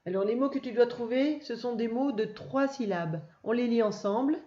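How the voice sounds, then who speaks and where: A woman's voice: fairly high pitch, normal speed, dark tone. A woman teacher giving a recorded reading lesson to young children, speaking patiently and praising the listener often. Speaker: first-grade teacher. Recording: dull lo-fi, faint noise.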